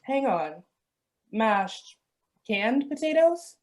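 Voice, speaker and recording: An actress playing Janine, a gentle and unsure co-parent mother, in a play reading over a video call. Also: on the high side, sing-song, very slow, exaggerated voice. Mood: hesitant. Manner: warm-hearted, unsure of herself.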